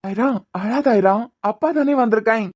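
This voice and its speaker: A woman voicing a grieving young father, a doctor, who pleads softly and sorrowfully with his frightened daughter in Kanyakumari Tamil. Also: on the high side, moderate pace, loud music behind the voice, close to an everyday voice. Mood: pleading. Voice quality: pleading, sorrowful, repeating the child's name. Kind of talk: cartoon voice acting.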